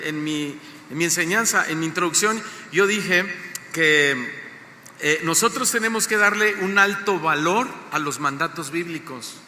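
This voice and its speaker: A man with a Mexican Spanish accent, a pastor preaching a sermon, speaking with slow, deliberate emphasis and putting questions to his congregation. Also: on the high side, sharp tone. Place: church hall. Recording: echoey hall, faint noise.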